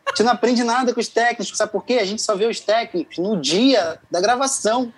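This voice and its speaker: A man's voice: sits high, a little fast, slightly rough, low-quality recording. A young man, a singer, telling stories casually as an interview guest, laughing often. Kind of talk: casual storytelling.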